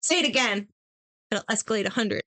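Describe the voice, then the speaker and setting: A woman co-hosting a podcast in casual chat, blunt and animated, cursing freely. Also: mid-range voice, fairly quick, dry recording. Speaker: podcast co-host.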